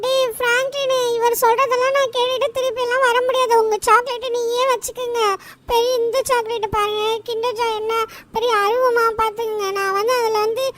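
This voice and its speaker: A performer voicing a whiny, greedy little boy in a fan-made game dub, a cartoonish squeaky child voice that often cries. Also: little pitch movement, fairly quick, distant mic. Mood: indignant. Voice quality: whiny, weepy. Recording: noisy background.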